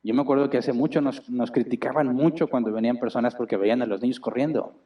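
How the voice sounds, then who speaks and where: A man's voice: medium pitch, steady tone, fast talker, recorded from a distance, muffled recording. A man, preaching a conversational sermon in a church auditorium and checking in with rhetorical questions. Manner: chatty and explanatory, tags points with rhetorical questions. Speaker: pastor.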